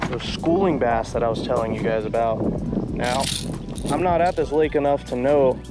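A man's voice: mid-range voice, moderate pace, music in the background. Chatty man filming his fishing trip. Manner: chatty, talks to viewers as guys, bursts into excited shouts when fish bite. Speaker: fishing vlogger. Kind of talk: casual first-person fishing commentary. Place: outdoors on a lake in a kayak. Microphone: action camera mounted on the body.

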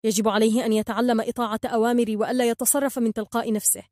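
A woman's voice: a little high, flat delivery, rapid-fire, no echo, studio quality, natural voice. A woman voicing a stern, hot-tempered young male hero who speaks sharply and gives orders. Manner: sharp and commanding.

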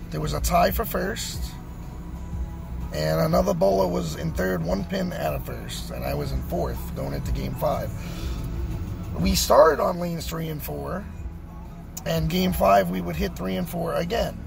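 A middle-aged bowler and vlogger with a high, creaky voice gives a casual recap to camera, repeating phrases for emphasis. He records on a phone held at arm's length inside a car.

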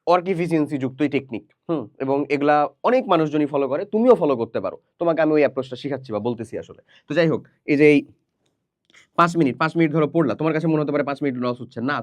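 A man's voice: fairly high pitch, a little mellow, no echo. A young man teaching study tips in a casual, chatty lesson, talking straight to students, asking them questions and mixing in English phrases. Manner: explains and asks the listener questions.

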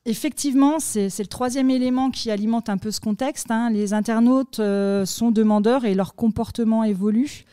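Woman explaining calmly, mellow voice. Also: on the high side, smooth, no room sound, studio quality. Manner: measured, explains with figures and frequent fillers. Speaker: content marketing expert on an agency podcast. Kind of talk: explanatory podcast talk.

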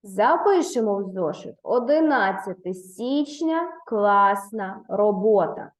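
Speaking slowly in a mid-range, animated voice, a woman teaches an online lesson to third graders. She is patient and encouraging, praising their answers and nudging them toward the next step. The room gives a noticeable echo.

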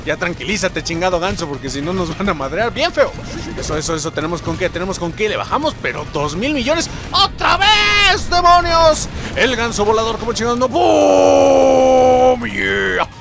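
Excitable Mexican gamer with a high voice. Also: male voice, quick pace. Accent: Mexican Spanish. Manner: excitable, swears and shouts at the game. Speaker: gaming streamer. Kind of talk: let's play commentary. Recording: game music loud behind the voice. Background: game music.

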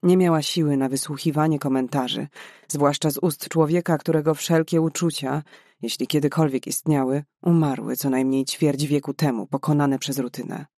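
A man narrating a novel in a measured, dramatic reading voice. His voice sits a little high for a man, and the recording is dry and close, with no room echo. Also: steady tone, darkish tone. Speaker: audiobook narrator. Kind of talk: scripted narration.

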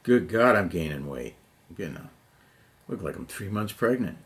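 Deep-voiced and animated, a middle-aged hobby vlogger talks at a moderate pace with a slightly bright tone. He rambles casually, saying "you know" a lot, as he paints miniatures in his cluttered basement hobby room for a camera set on the nearby table.

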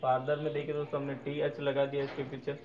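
A man's voice: medium pitch, monotone, fast talker, darkish tone. A man teaching English grammar, spelling out word endings and often checking that his viewers follow. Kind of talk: explaining grammar lesson. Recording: slightly dull recording with faint noise.

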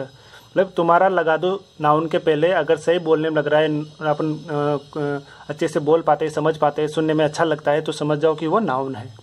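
Male grammar teacher, fairly high voice, patient step-by-step repetition. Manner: repetitive, explains step by step with many examples. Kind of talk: casual Hindi lesson explanation.

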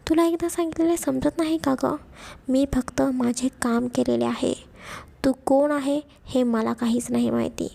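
A woman voicing a rough hired male kidnapper who gives curt, bossy orders in an audio story. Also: high-pitched, steady tone, normal speed, dark tone, full character voice. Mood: harsh.

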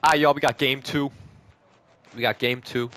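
A young American man giving excited, casual gameplay commentary into a headset, full of slangy trash talk and swearing. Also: mid-range voice, normal speed, a little hiss or hum. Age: young adult. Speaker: gaming video host and player. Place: small indoor bathroom, sitting in an ice bath. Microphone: gaming headset.

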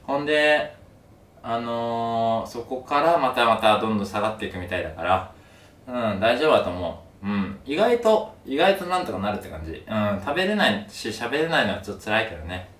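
A young man chatting casually to camera in an animated storytelling way, his mouth sore after having wisdom teeth pulled. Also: medium pitch, a little fast. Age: young adult. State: mouth sore two days after wisdom tooth removal. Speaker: video creator. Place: small room at home, indoors. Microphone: camera a few steps away. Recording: roomy, distant mic, some noise.

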